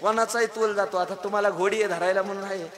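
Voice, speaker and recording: High bright-voiced comic kirtan preacher. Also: male voice, steady tone, fast. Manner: storytelling, emphatic, addresses audience directly. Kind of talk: comic devotional sermon. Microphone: handheld microphone.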